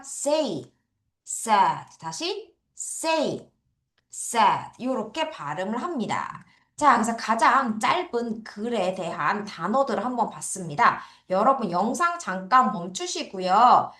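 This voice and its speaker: A woman's voice: fairly high pitch, very animated, moderate pace, sharp tone. A woman teaching an online English lesson, coaxing students to repeat words after her. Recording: echoey room.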